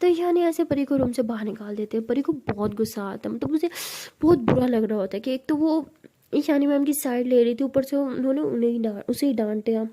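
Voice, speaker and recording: A woman narrates a story in a relaxed, chatty way. Her voice sits a touch high and sounds warm and mellow. When the characters speak, she lifts into a livelier voice. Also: fairly quick, a little hiss or hum. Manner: acts out characters' lines in a livelier voice.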